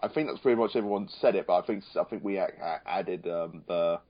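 A podcast co-host talks quickly in a low voice during a casual wrestling chat, rambling and repeating phrases for emphasis. The audio is dull and lo-fi.

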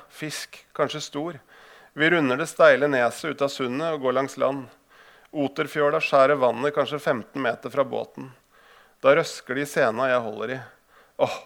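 A man with a gravelly, creaky voice at an ordinary middle pitch talks to an audience. He hesitates, fills pauses and restarts his sentences, then shifts into reading passages from his own book. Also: fairly bright tone. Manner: hesitant, many filler sounds and restarts when speaking freely. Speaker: author giving a talk. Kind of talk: live talk mixing casual storytelling with reading aloud from his book.

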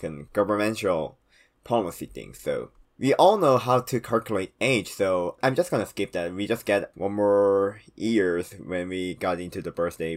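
A man in his twenties speaks in a fairly low voice with a Korean accent. He explains things in a casual way, with non-native English phrasing. His V sounds don't come out as a native speaker's would. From South Korea. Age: 20s. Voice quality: trouble pronouncing V sounds. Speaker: podcast co-host explaining Korean customs.

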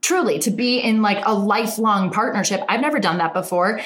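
A woman's voice: medium pitch, a little fast, a bit bright. Valley Girl woman, coach monologue, emphatic and chatty, roomy echo. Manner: chatty and emphatic, repeats words for stress. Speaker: relationship and business coach. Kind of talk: motivational monologue.

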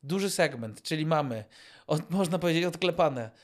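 A man co-hosting a podcast, talking in relaxed improvised chat with many fillers and restarts. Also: on the high side, moderate pace. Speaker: podcast co-host.

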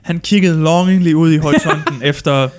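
A man co-hosting a casual podcast, teasing his partner with quick quips and English phrases. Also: on the high side, steady tone. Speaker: podcast co-host. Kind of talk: casual chat.

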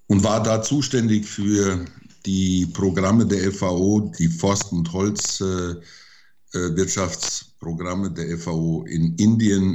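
An older man giving interview answers slowly, halting with many fillers. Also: low-pitched, a little mellow. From Germany. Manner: slow and hesitant, many fillers. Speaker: interview guest, forester.

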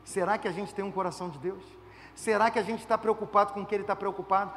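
A man's voice: high-pitched, fairly even intonation, quick pace, fairly bright tone, long reverb tail, a little hiss or hum. A man, a pastor preaching a conversational sermon full of rhetorical questions and humor. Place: church.

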